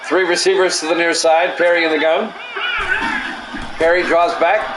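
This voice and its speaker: A man's voice: a little high, over music, crowd noise. Man calling football plays in an echoey room. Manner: measured, matter-of-fact play calling with casual asides. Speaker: play-by-play announcer and stream host. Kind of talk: simulated football play-by-play commentary. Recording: echoey room with steady background noise.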